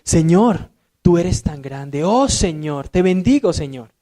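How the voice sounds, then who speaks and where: Guy doing a churchy pray-er who keeps repeating the same word over and over, highish voice. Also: animated, slow, dark tone. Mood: fervent, droning. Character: man praying in fervent empty repetitions.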